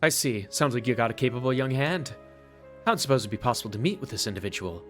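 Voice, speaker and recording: A streamer reads a composed, polite woman investigator in a game. He uses his own bright, forceful voice, and keeps it poised and formal. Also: medium pitch, expressive, quick pace, soft background music, natural voice.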